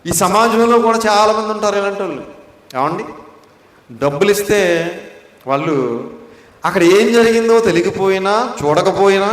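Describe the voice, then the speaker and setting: A man's voice: sits high, moderate pace, pauses often, fairly bright tone. A man preaching a sermon with a Telugu accent, often asking his listeners short rhetorical questions. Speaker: pastor. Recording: echoey hall.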